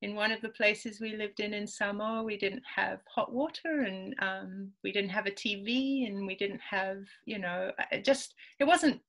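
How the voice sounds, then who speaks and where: A Peruvian woman in her forties, a native Spanish speaker, joins a casual interview as an author guest over a webcam video call from a home room lined with bookshelves. Her mid-range voice is fairly bright and moves at normal speed with few pauses, though she says um a lot and laughs easily.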